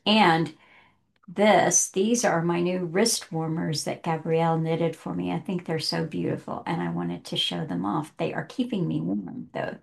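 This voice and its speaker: A woman's voice: lowish voice, vocal fry. A woman hosting a casual, rambling book discussion, chatty and self-correcting, who reads passages aloud with care.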